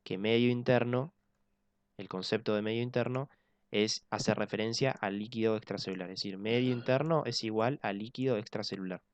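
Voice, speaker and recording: A man teaching physiology in an online class, explaining step by step and slowing down to repeat key points. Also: lowish voice, smooth, dry recording. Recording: dull lo-fi dry sound.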